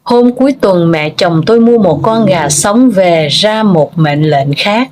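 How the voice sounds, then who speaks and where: Slow, measured woman storyteller. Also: medium pitch, lively intonation, darkish tone, slight background noise. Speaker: story narrator. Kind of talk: scripted storytelling narration.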